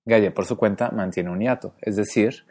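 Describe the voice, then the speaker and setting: A man teaching pronunciation in a clear, methodical way, slowing down to demonstrate sounds. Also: on the low side, a little mellow. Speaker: Spanish phonetics teacher. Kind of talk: explanatory lesson narration.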